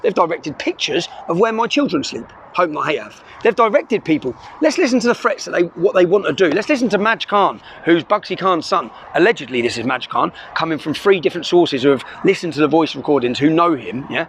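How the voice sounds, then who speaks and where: A man's voice: a little high, lively intonation, brisk, hardly any pauses, fairly bright tone, slight background noise. A middle-aged man, speaking urgently and emphatically to the camera from inside a car, tagging his sentences with "yeah?". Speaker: vlogger. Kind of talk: impassioned address to camera. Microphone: camera filming in the car.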